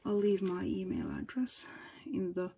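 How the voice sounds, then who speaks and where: In a fairly low, husky, whispery voice whose pitch swoops wildly, a Finnish woman casually tours her collection at her home display cabinets. She is soft-spoken and unhurried, with many ums and frequent whispering.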